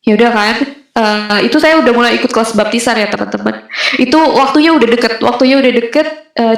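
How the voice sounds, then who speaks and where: Young woman, slightly high voice, hesitant conversational testimony, heavy room echo. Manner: conversational with frequent fillers and hesitations. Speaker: convert giving a personal testimony. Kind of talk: casual spoken testimony. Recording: very echoey room.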